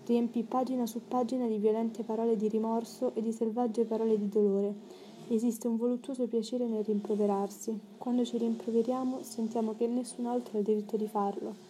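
A woman narrating a literary audiobook in a measured, steady storytelling manner. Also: fairly high pitch, a little hiss or hum.

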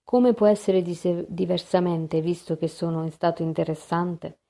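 A serene, self-possessed noblewoman, voiced by a female reader speaks calmly in an audiobook. Her tone is low and mellow. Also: normal speed, vocal fry. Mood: composed. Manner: calm, composed. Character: composed, serene young noblewoman. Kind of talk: audiobook reading.

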